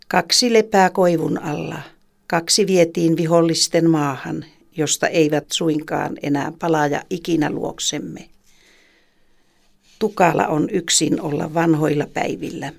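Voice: medium pitch, fairly even intonation, creaky, close to an everyday voice. A reader voicing a grieving, weary father in a folk tale, solemn and devout. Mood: sorrowful.

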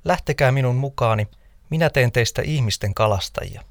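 A man reading scripture voices a calm, authoritative male teacher, barely shifted from his own reading voice. He speaks in a measured way, recorded dry and close. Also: medium pitch, dry recording, lightly acted.

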